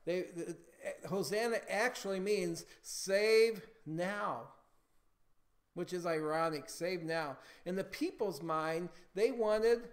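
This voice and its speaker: Man, pastor, church sermon, rising emphasis, higher-pitched voice. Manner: preaching with rising emphasis, calls for amen.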